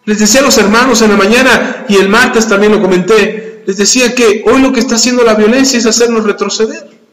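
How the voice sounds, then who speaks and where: A man's voice: sits high, fairly even intonation, fairly quick, a bit bright. A middle-aged man preaching a sermon in a church, emphatic, repeating his phrases and adding jokey asides. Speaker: pastor. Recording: echoey church hall.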